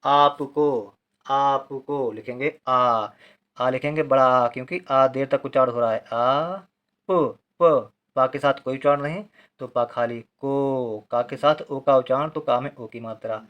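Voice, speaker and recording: A man gives a patient handwriting lesson, breaking every word into syllables and saying each one slowly, more than once. He often asks why, then answers it himself in a calm, even teaching voice. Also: mid-range voice, lo-fi sound. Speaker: Hindi writing teacher.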